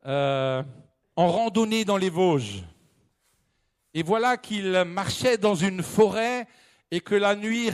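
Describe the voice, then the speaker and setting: A man's voice: high-pitched, smooth. A male preacher giving a sermon in a church, asking his listeners direct, earnest questions and telling a parable.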